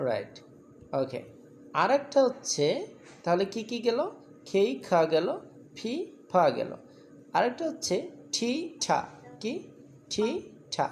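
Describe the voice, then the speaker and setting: A woman's voice: mid-range voice, sing-song, slow pace, long pauses, a little mellow, a little hiss or hum. A woman from Bangladesh teaching English to children in a classroom lesson, repeating sounds and asking the class questions.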